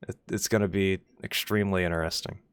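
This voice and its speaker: A man commentating a live-streamed sim race, excitable and stumbling over his words, still coughing from a cold. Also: low voice, fast, clear, resonant tone, no room sound. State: coughing a lot.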